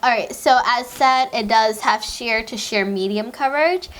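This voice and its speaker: A woman's voice: fairly high pitch, normal speed. A woman with a stuffy, congested voice from a cold, giving a chatty, rambling makeup review and often correcting herself. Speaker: beauty vlogger. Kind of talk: casual product review.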